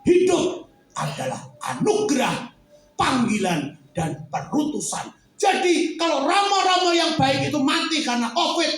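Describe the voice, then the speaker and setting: A man with a very high, lively voice gives an impassioned testimony, often shouting out. He sounds far from the microphone in a large, echoing hall, with faint room ambience behind him. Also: measured pace. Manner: passionate, often shouting, animated. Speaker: testimony speaker. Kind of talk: emotional spoken testimony.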